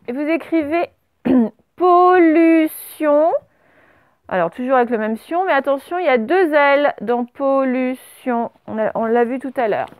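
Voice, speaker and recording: A woman teaching a spelling lesson, dictating words slowly and spelling them out letter by letter and syllable by syllable. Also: high voice, a little mellow, no room sound. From France. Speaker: primary school teacher.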